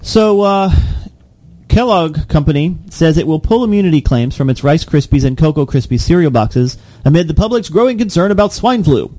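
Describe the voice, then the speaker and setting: A man's voice: a little high, lively intonation, normal speed, warm tone, no echo. Joking young man reading news. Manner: joking, laughs often, reads headlines aloud. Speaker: podcast co-host reading tech news. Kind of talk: casual news chat.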